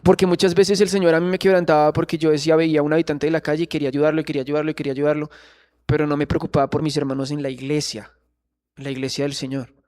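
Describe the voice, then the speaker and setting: A man's voice: fairly high pitch, level tone, rapid-fire, darkish tone. A man preaching a sermon in church, earnestly questioning the congregation.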